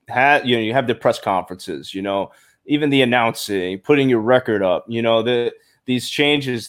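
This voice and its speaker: A man with a thick Brooklyn accent, hosting a podcast and chatting casually in a sports interview. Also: fairly low pitch. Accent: Brooklyn, New York. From Brooklyn, New York. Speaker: podcast host.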